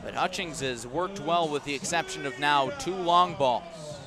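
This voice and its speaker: A man whose voice sits on the high side talks a little slowly, with music in the background. Live from an outdoor ballpark, he provides radio commentary on a baseball game, swinging between terse calls and conversational asides.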